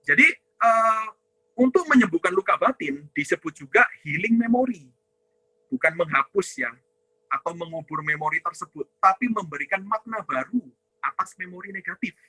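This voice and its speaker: A man's voice: sits high, animated, moderate pace, pushed and bright, no echo, rough recording. A man giving a ministry teaching talk with slides, asking and answering his own questions, tagging lines with a questioning "ya" and addressing listeners as brothers and sisters. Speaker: ministry teacher on inner healing.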